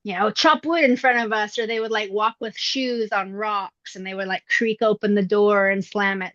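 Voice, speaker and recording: As an interview guest at her mother's home, the middle-aged voice actress answers reflectively and at ease, her mid-range voice youthful and her speech dotted with filler pauses. The audio is close and dry, slightly dull and lo-fi.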